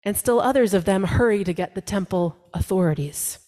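Woman pastor, storytelling sermon, second-person narration, medium pitch. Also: brisk, warm tone. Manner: second-person narration, dramatic voicing of quotes.

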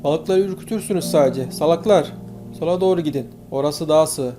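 A man voicing a grown man shouting scolding advice from a riverbank in an audiobook. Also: on the high side, expressive, measured pace, over music. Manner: yelling, scolding.

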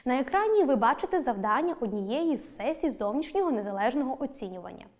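Woman teacher reading out a lesson, kinda high voice, slow careful stress on each word. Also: sing-song, darkish tone. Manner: clear, deliberate, stresses each example word. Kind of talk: scripted lesson narration.

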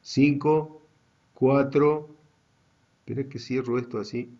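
Un hombre con acento argentino que da una clase universitaria en línea, explicando con calma y paso a paso. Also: male voice, medium pitch, highs cut off. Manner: slow, deliberate explaining to students. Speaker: university GIS teacher. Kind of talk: online class lecture.

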